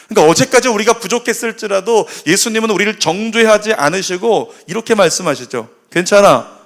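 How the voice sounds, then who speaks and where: Emphatic higher-voiced male pastor. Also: a bit bright. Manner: emphatic preaching, leads congregation in call-and-response. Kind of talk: sermon. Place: church service.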